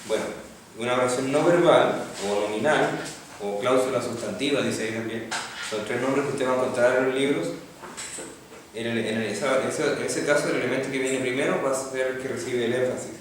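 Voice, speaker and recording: A man's voice: medium pitch, brisk. A man teaching a Hebrew grammar class, patiently explaining step by step and checking in with students. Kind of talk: classroom lecture. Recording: echoey classroom from far off, faint noise.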